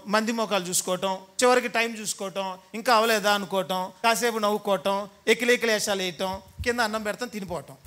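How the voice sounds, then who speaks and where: Fast, high-pitched, teasing preacher man. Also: sharp tone. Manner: teasing, scolds the congregation; acts out quoted voices in everyday scenes. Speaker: pastor. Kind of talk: sermon. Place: church hall with congregation.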